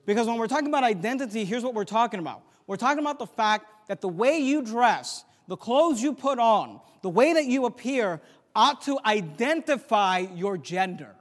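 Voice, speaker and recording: High-voiced preacher in a reverberant church. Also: male voice. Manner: emphatic preaching, swinging between loud declarations and quiet asides; recites scripture in old-fashioned biblical wording. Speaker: pastor. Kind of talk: sermon. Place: church sanctuary. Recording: long church hall reverb.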